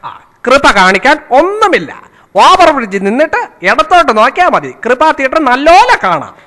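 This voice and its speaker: A man's voice: extremely high pitch, very animated, moderate pace, pushed and bright. A man playing a pompous, bumbling male king in a comedy skit, talking in an exaggerated, punning way. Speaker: comic performer playing a king.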